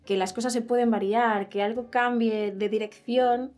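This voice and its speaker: A woman hosting a casual interview chat, lively and quick to laugh and exclaim. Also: a little high, faint music behind. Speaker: host.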